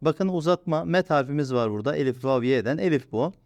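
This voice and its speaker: A man teaching a step-by-step lesson, patiently asking and answering his own questions and drawing out sounds slowly. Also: medium pitch, animated, a little mellow, dry recording, clean studio sound. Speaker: Quran reading teacher.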